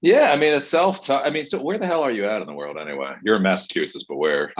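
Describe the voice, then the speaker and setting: A man hosts a loose open mic show over a video call, and his voice sits very low with a husky grain. He talks bluntly and swears freely. He chats casually with his callers. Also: fast, low-quality recording. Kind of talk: casual chat.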